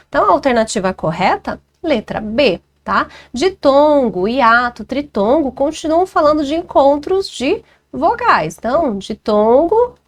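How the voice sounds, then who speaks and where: Brazilian lady teacher going over test answers, keeps checking in with the kids, voice on the high side. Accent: Brazilian Portuguese. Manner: chatty, checks in with listeners often. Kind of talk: exam walkthrough lesson.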